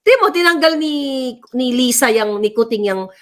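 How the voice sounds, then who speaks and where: Brief: middle-aged Filipino-accented woman vlogger, somewhat high voice, emphatic and rambling, code-switching. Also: lively intonation, moderate pace, fairly bright tone. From Philippines. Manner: rambling, mixes English and Tagalog; impassioned, emphatic. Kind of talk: casual political commentary.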